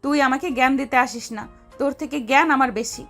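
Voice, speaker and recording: A woman's voice: high-pitched, steady tone, fast, fairly bright tone, faint music behind. A woman playing a domineering, scolding older sister. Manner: scolding, commanding. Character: bossy older sister, domineering, quick to anger. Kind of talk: Bengali audio love-story drama.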